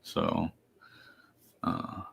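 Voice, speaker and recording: A man in his thirties co-hosting a casual podcast chat, talking haltingly with many fillers. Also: a bit bright. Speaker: podcast co-host.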